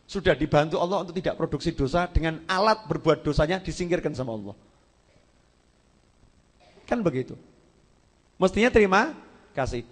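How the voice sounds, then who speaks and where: A man with a Javanese accent delivers a sermon with a fairly high voice. He preaches in a lively, joking way and slips into acted voices. The sound rings with a long hall reverb.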